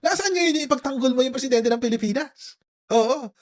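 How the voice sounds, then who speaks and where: A man's voice: very high-pitched, brisk. A man commenting on a political clip, sarcastic and taunting, laughing at the speaker he mocks. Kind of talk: mocking commentary over clips.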